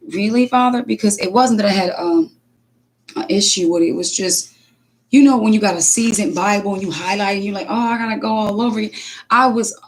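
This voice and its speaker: A mother speaking casually, telling an animated spiritual testimony full of restarts and acted-out quotes. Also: medium pitch.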